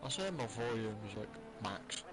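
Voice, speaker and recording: A man's voice: lowish voice, very animated, moderate pace, noisy background. A man commentating casually, his voice muffled as if talking through a wall. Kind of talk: casual sim-racing commentary.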